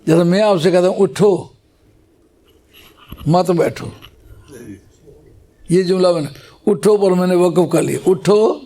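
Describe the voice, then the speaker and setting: Male religious scholar, warm raised voice, patient explaining, slow Arabic recitation. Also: high-pitched, vocal fry. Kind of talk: scholarly religious talk to a gathering.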